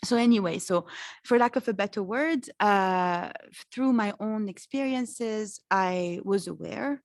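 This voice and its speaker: A woman's voice: medium pitch, measured pace, no room sound, clean studio sound. A woman of the Lebanese diaspora, raised in France, speaking frankly and reflectively on a panel, with restarts. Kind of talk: panel discussion.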